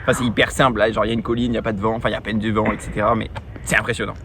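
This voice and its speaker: A man's voice: on the low side, flat delivery, rapid-fire. A young man chatting casually in colloquial French slang as he films a vlog and asks questions. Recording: noisy outdoor recording with clicks.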